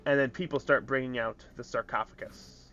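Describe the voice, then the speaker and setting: A man narrating a tabletop game as game master, casual and halting with fillers. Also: medium pitch, steady tone, pushed and bright, muffled recording, slight background noise.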